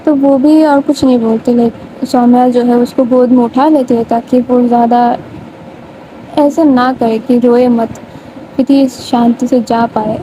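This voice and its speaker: A woman's voice: on the high side, steady tone, mellow. A young woman retelling a love story in a loose, chatty way, full of casual fillers. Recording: dull lo-fi audio with faint noise.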